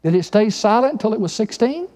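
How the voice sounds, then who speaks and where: A man with a high voice preaches to his congregation, calling for answers and rising into fervent emphasis before dropping back to quiet teaching. His voice rings out with a long reverb in a church hall. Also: big pitch swings, quick pace. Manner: preachy call-and-response, rising and falling with emphasis. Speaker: pastor. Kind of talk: sermon.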